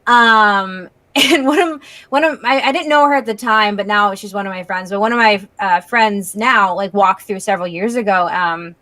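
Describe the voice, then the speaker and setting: A woman's voice: mid-range voice, moderate pace, hardly any pauses, bright, forceful tone, dry recording. Hesitant young woman, dry close sound. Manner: hesitant, lots of ums, laughs easily. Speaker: guest. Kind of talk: casual chat.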